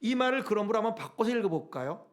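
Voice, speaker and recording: A man's voice: high-pitched, very animated, fast talker. A middle-aged male pastor preaching a sermon in a church, asking the congregation questions and reading scripture aloud. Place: church sanctuary.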